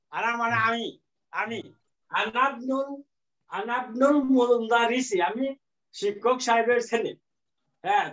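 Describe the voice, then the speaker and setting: A man teaching an Arabic lesson, explaining slowly and repetitively with many fillers and English terms mixed in. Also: very high-pitched, pushed and bright. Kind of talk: classroom lecture. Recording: dull lo-fi sound.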